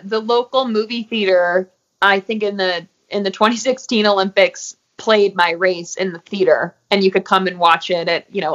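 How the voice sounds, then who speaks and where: Relaxed lower-voiced woman, lo-fi. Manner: friendly, many fillers like um and you know. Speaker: interview guest, athlete. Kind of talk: casual interview talk. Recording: muffled, lo-fi audio.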